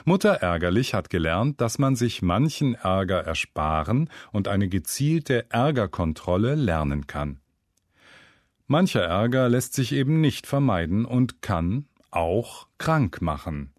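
Fairly low in pitch and unhurried, a male narrator delivers a scripted humorous story wryly, in a storytelling style with lively intonation. The recording, made close on a studio mic, is dry.

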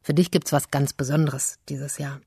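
A woman with a soft, delicate voice reading the lines of a strict, cold mother who scolds her daughter in an audiobook. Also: low-pitched, little pitch movement, moderate pace, slightly rough, dry recording, clean studio sound, heavily acted. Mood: stern. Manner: scolding, accusing questions.

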